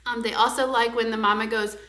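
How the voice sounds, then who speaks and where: A young woman speech-language pathologist giving parenting tips in a lively way and singing nursery songs with big, exaggerated delivery. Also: on the high side, fast. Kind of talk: parenting tips with sung demonstrations. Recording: echoey room.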